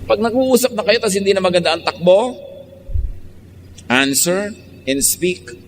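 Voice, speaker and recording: A man with a Filipino accent, a pastor preaching a sermon, shifting between slow, calm teaching and lively mock quotes. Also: high voice. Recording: long hall reverb, faint traffic noise.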